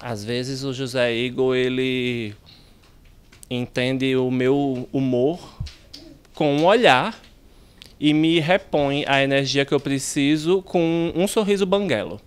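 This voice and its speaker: A man's voice: mid-range voice, slow pace, smooth. A man with a Brazilian accent speaking as a parent in a personal testimonial. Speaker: adoptive parent.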